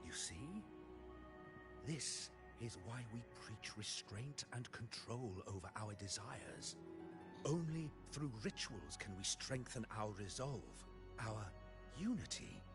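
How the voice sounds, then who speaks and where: A man playing a pious, controlled cleric in a video game, speaking in a serene, measured and preachy way. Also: mid-range voice, big pitch swings. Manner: solemn, measured, preachy, formal. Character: pious, controlled zealot cleric of a religious order. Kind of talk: scripted video game dialogue. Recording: background music under the voice.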